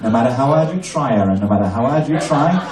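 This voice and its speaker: A man performing a live comedy hypnosis show on stage, mixing crude, cheeky banter with slow hypnotic patter. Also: medium pitch, animated. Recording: echoey venue from far off, loud crowd. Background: laughing audience.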